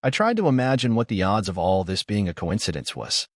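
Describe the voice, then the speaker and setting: A man reading a scripted horror story aloud as narrator, with a lively, expressive delivery. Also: on the low side, fairly quick, no echo, clean studio sound.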